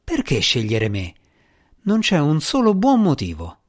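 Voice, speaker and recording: A scornful, boastful djinni in a boy's form, dripping mockery and theatrical sarcasm, as a man reads him in an audiobook. His mid-pitched voice swings up into sneering jibes. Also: lively intonation, measured pace, close to an everyday voice. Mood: sardonic. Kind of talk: audiobook character reading.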